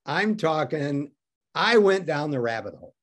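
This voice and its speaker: A man's voice: a little high, unhurried. A man from Detroit telling a personal story as an interview guest, wry and self-mocking, acting out the other people in it. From Detroit, United States. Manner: animated, wry and self-mocking, acts out voices in his story.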